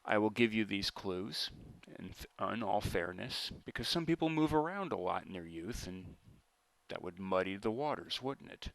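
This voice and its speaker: Man, General American accent, gravelly, bright tone, dry sound, deliberate argumentative monologue. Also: fairly low pitch, lively intonation, no echo. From United States. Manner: deliberate, argumentative, with pauses and restarts. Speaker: vlogger. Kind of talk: casual monologue to camera.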